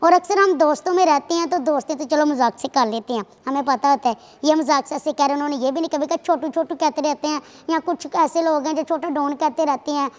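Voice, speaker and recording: High-voiced young woman. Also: quick pace, hardly any pauses. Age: 20s. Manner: earnest, chatty storytelling. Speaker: guest. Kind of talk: casual interview talk. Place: TV studio. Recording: long hall reverb.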